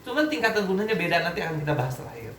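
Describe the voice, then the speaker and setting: A man's voice: fairly high pitch, big pitch swings, very fast, a crowd in the background. A man teaching a classroom Quran recitation lesson, often quizzing his students and checking that they understand. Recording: echoey room, voice from a distance, faint background noise.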